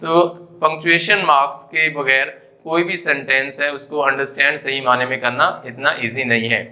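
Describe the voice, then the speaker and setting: Bright-voiced man teaching grammar. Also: medium pitch, steady tone, moderate pace. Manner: explanatory, mixes English terms into Urdu; repeats points with frequent "जी" and "तो". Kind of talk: classroom grammar lecture.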